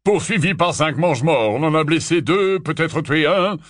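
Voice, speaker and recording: A man reading an audiobook, voicing a grave older wizard who speaks in a flat, measured way. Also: on the high side, no room sound, studio quality, voice pushed up. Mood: grim. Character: grave older male wizard, calm and weary.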